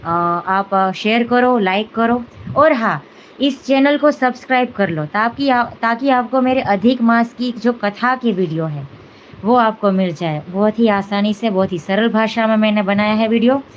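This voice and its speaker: A woman's voice: on the high side, measured pace, slight background noise, poor audio. A woman hosting a devotional live stream, talking casually with many fillers and "है ना" asides. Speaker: devotional channel host.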